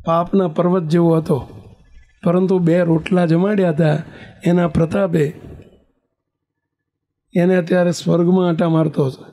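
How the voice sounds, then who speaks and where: A man's voice: fairly high pitch, normal speed, long pauses. A man telling a story in a sermon, acting out the characters' calls. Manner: animated storyteller, acts out shouting characters. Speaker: preacher.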